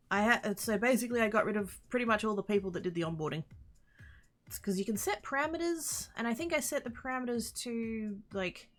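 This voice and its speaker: With a mid-range, slightly bright voice, a woman livestreamer chats casually and playfully with her audience. She rambles, gets sidetracked easily, and greets chat informally.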